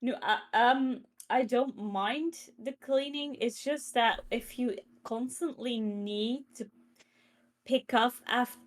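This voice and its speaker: A woman's voice: fairly high pitch, slow. A woman co-hosting a casual live stream chat, speaking at an easy pace and sometimes searching for words. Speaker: stream co-host.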